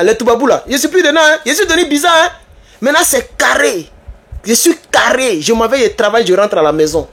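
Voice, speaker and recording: A man from Côte d'Ivoire with an Ivorian French accent, telling a story and giving advice straight to his viewers. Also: high voice. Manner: animated storytelling, addresses viewers directly. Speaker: vlogger. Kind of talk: casual monologue to camera.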